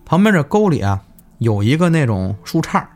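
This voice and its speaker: Lively male ghost-story teller. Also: fairly high pitch, brisk. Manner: animated, swears in surprise, stammers in quotes. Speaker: guest storyteller. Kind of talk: casual spooky storytelling.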